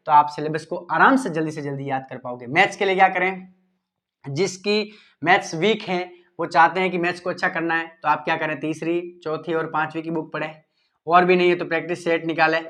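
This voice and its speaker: A man's voice: on the high side, fairly bright tone. Teacher man giving exam advice. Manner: informal, repetitive, addresses students directly. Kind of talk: exam-prep study advice lesson.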